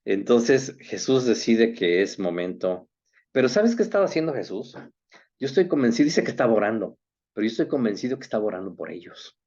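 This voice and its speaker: A man's voice: mid-range voice, sing-song, fairly quick, darkish tone, breathy edge, lo-fi sound. A man, preaching a sermon as pastor in an earnest way, often rising into emphatic questions.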